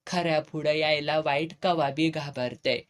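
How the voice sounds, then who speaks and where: A storyteller voicing a blunt, fatherly old village headman who talks gruffly in a rural Marathi village dialect. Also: mid-range voice, fairly even intonation, moderate pace, natural voice. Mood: expansive. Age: older. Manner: gruff, earthy, commanding.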